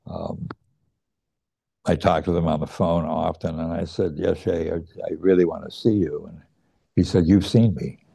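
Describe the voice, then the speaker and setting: Deep, gravelly man telling a personal story. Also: steady tone, mellow. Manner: slow, reflective, with hesitant pauses and restarts. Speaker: student recounting his teacher's death.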